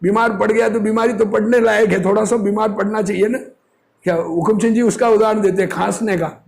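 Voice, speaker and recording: The preacher's voice sits high and stays steady, moving briskly with some vocal fry and a slightly mellow quality. He reads from a discourse in an informal sermon and teaches from it, repeating lines and posing rhetorical questions.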